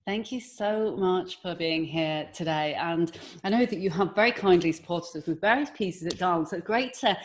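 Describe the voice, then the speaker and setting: A woman hosts a podcast, her voice a touch lower than most. She asks long, winding questions, circling back with "you know" and restarting phrases. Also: normal speed, few pauses, slight background noise. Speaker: podcast host. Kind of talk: podcast interview.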